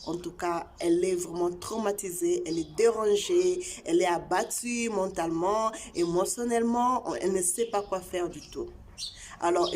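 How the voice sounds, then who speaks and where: A woman hosting her channel chats casually to viewers in a fairly low voice, against a noisy background. She's from the DRC and her first language is Tshiluba, and her speech is halting, full of repeated words and fillers.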